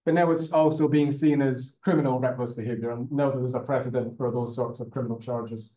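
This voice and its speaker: Speaking briskly in a dark, steady voice of medium pitch, this man lectures a university class. He keeps it conversational, using fillers and often asking "okay?" to check in. The audio, taken in the lecture room, is roomy and dull.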